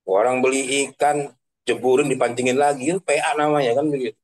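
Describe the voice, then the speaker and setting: Over a low-quality recording, a male Islamic preacher speaks fairly quickly with fairly even intonation in a medium-pitched voice during a casual online talk. He keeps it chatty and slangy, adding "kan begitu" as a tag and laughing at his own examples.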